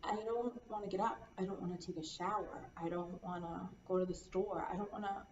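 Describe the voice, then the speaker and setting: A woman playing a counseling client, talking in a halting, weary, despondent way and repeating herself. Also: on the low side, fairly even intonation. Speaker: role-play client in a counseling practice session. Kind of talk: acted counseling role-play. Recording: echoey room, distant dull mic, faint hiss.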